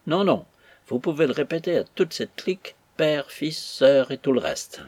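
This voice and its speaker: A man reading aloud as a ruined old merchant, bitter and furious, ranting in a husky, breathy voice. The recording is dry and close, with no room sound around it. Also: on the high side, animated, moderate pace, darkish tone, dry recording. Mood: angry. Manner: ranting, bitter, raising his voice. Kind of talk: audiobook character voice.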